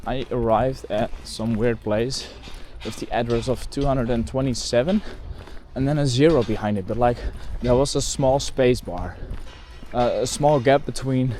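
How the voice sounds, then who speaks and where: A native Dutch speaker from the Netherlands, a bird photographer vlogger, rambles casually while walking through open countryside, often correcting himself and leaning on "like" and "um." His Dutch-accented voice is medium-pitched and warm at a moderate pace, with faint outdoor ambience and passing cars behind him.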